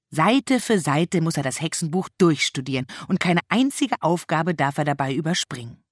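A narrator reading a children's story aloud in a lively, expressive audiobook style. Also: medium pitch, dry recording, clean studio sound.

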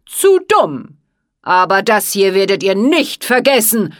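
Woman doing a raging ice wizard, cutting voice, shouted curses, storybook villain. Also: medium pitch, sing-song, takes it slowly, no room sound, clean studio sound. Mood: furious. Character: icy, furious male winter wizard.

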